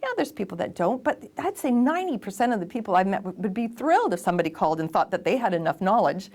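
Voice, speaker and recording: A woman voice actor and casting director giving lively, emphatic advice in a conversational interview. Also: medium pitch, quick pace.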